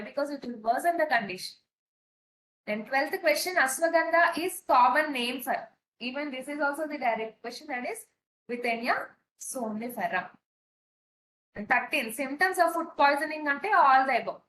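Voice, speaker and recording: A woman's voice: sits high, fairly bright tone, reverberant, slight background noise, rough recording. A woman with a Telugu accent teaching a pharmacy exam-prep lesson, switching between Telugu and English and repeating key points. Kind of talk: online exam-prep lecture.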